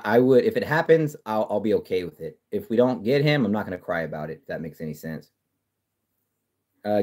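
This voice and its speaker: Profane, excitable male livestream host. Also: on the low side. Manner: profane, excitable, trash-talking, frequent restarts. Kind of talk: casual live-stream chat reading comments.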